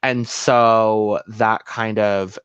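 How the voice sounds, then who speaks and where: A man's voice: fairly low pitch, level tone, drawn-out words, fairly bright tone, smooth, dry recording, highs cut off. A man co-hosting a casual podcast, recapping a show and slipping into playful voices for quotes. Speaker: podcast co-host.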